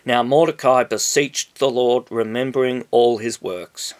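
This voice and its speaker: Slow, solemn man reading scripture. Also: medium pitch, steady tone.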